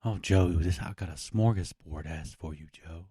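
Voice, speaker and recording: A man putting on a sultry female phone sex operator voice, low, slow and breathy. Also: warm tone, no room sound, clean studio sound.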